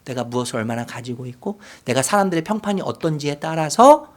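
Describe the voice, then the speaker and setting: A male pastor preaching a sermon, telling a story with big swings from loud to whispered. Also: a little high, animated, fairly quick. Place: church sanctuary.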